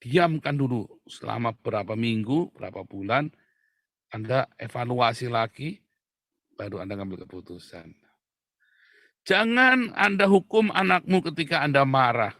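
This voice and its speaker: A middle-aged man preaching a casual, joking sermon, dropping to low murmurs and then shouting out loud. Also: big pitch swings, moderate pace, dry recording, clean studio sound. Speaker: pastor.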